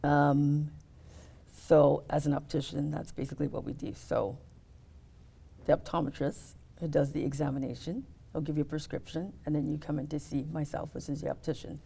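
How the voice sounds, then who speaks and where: A middle-aged woman talking casually in an interview about her work as an optician, explaining step by step with many pauses. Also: low-pitched, level tone, creaky, warm tone, slightly rough. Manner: explains step by step, hesitant fillers.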